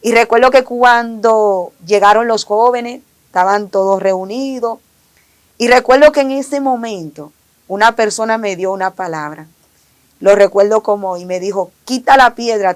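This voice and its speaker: A woman giving an earnest, emotional personal faith testimony, often repeating her phrases. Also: mid-range voice. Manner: earnest, repetitive, emotional retelling. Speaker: testimony giver.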